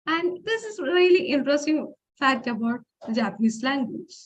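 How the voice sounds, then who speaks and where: High-pitched woman giving a lecture. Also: lively intonation. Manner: explains slowly with frequent fillers and restarts; reads example phrases aloud. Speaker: forum speaker. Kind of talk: informal lecture presentation.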